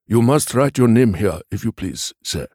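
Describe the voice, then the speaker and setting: A man's voice: lowish voice, lively intonation, moderate pace, a little mellow, breathy edge, no echo, studio quality, pitched above the performer's own voice. A man voicing a polite young post office messenger with a formal, courteous manner.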